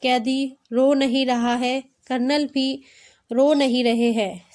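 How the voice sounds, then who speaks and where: A woman reading a short story aloud in measured narration. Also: sits high, darkish tone.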